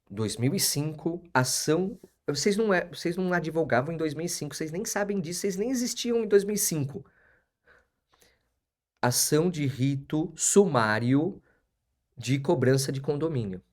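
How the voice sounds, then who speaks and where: A man's voice: a little high, darkish tone. A man, hosting a live stream as an auctioneer and lawyer, repeating his phrases for emphasis and chatting with viewers.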